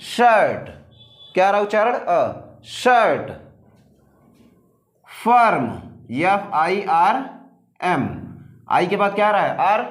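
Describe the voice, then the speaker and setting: A man gives an English pronunciation lesson in a fairly high voice. He speaks slowly and deliberately, spelling each word letter by letter. He also dictates rules for students to copy down. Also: roomy sound. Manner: spells words letter by letter, asks and answers his own questions. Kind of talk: classroom-style lesson.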